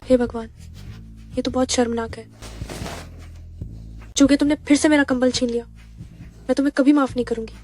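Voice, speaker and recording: A woman's voice: high voice, steady tone, moderate pace, long pauses, a little mellow, soft background music, natural voice. An actress dubbing a feisty young female secretary who is defiant and easily flustered. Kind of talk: dubbed drama dialogue.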